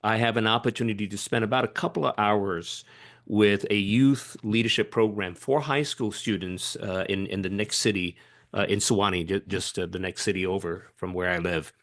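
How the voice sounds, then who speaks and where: A man from Malaysia, giving an emphatic, animated panel talk over a video call, with frequent restarts. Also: fairly low pitch, moderate pace. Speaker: panel speaker.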